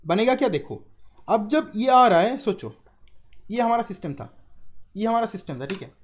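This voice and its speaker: A man's voice: high-pitched, lively intonation, moderate pace. Man teaching chemistry in a live online class. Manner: explains step by step, repeats key terms, asks students questions.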